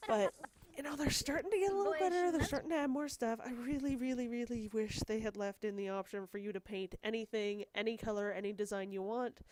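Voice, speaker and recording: This gaming host speaks fast in a fairly high voice, with background noise behind her. She sounds congested and a bit wheezy from a cold. Her commentary drifts casually as she plays, and she keeps apologizing and putting herself down in a friendly, talkative way.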